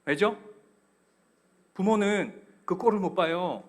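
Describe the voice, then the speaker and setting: A male pastor preaching a sermon, telling a personal story with animated delivery and asking his congregation questions. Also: sits high, slow pace.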